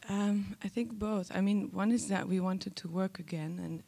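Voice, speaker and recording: A woman talks into a handheld mic on a large theater stage. Her voice is gravelly with a lot of fry and stays fairly flat in pitch. She speaks candidly and playfully, with a self-deprecating touch. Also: normal speed. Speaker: actress. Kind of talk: festival panel talk.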